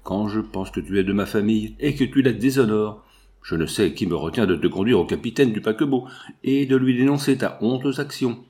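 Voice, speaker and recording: A man voicing a stern middle-aged ex-foreman who speaks low and clipped, through clenched teeth. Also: expressive, a little fast, a little mellow, close to an everyday voice.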